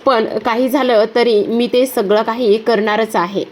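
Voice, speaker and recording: A woman's voice: on the high side, fairly even intonation, measured pace, darkish tone, slight background noise, close to an everyday voice. A woman reading the lines of a devoted mother in a TV serial recap, in a pleading, urgent way.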